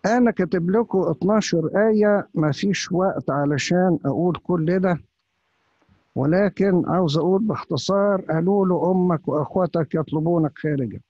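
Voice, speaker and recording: This sermon comes from a priest whose Upper Egyptian Arabic accent colors a stream of rhetorical questions pressed on his audience. He talks fairly quickly in a husky, breathy, slightly high voice with a dark tone. The audio is dull and lo-fi, dry and close-miked, without echo.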